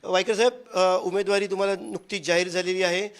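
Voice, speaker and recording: A man's voice: high voice, little pitch movement, fast talker, smooth. A man, a field reporter pressing an interviewee with questions.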